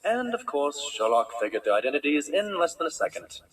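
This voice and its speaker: A man playing a loyal pony doctor who narrates his friend's adventures in a literate, animated storytelling manner. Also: a little high, brisk, low-quality recording. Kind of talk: scripted narration.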